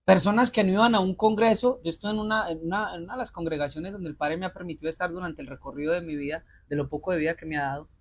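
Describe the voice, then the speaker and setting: A man's voice: high voice, quick pace, hardly any pauses. A man preaching a sermon as pastor, speaking straight to his congregation and throwing them rhetorical questions to complete. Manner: direct, exhorting address to listeners.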